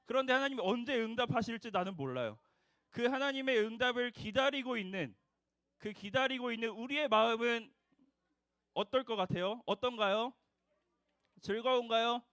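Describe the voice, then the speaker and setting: High-voiced man preaching to children. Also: moderate pace, no room sound, clean studio sound. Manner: animated, asks the children questions and has them repeat after him. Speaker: junior preacher for a children's service. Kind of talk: children's sermon.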